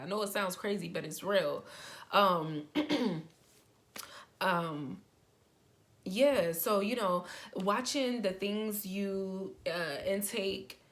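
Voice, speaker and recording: A young adult woman vlogger giving casual advice to the camera, talking excitedly and rambling, often stuttering and restarting. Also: mid-range voice.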